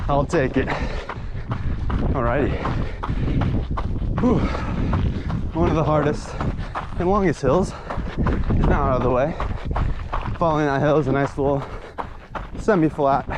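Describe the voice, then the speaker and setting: American man, talking while running, casual trail vlogger, breathy effort, slow delivery, noisy outdoor action-camera recording. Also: on the high side. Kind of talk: casual vlog chat, motivational asides. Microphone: action camera carried while running. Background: outdoor trail ambience and noise.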